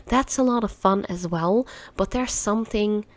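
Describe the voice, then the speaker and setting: Talking at a moderate pace in a mid-range voice, this woman from the Netherlands is in her thirties and clearly has a cold, sounding congested and nasal. She wanders chattily through a nail art tutorial, laughing frequently along the way.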